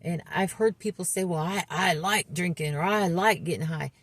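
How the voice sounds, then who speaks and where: A woman in her mid-fifties talks frankly about her life in a low, grounded voice. She speaks earnestly and haltingly, often restarting her sentences. The sound is close and dry, with no room around it. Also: dry recording. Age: 50s. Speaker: recovery vlogger. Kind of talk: candid personal testimony.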